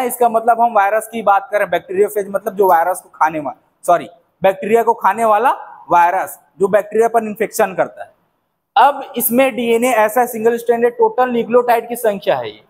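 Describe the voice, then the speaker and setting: Male biology teacher, very high voice, quizzes the class and answers himself. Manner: asks questions and answers them himself. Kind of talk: classroom-style lecture.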